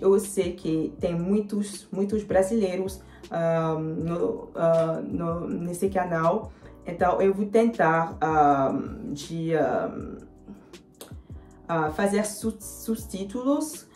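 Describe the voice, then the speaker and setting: A woman in her twenties with a non-native accent in Portuguese, chatting casually to camera and haltingly searching for words. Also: on the low side, a little mellow. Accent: non-native, foreign accent in Portuguese. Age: 20s. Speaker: YouTuber. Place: small indoor room with bare walls. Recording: echoey small room, faint music behind.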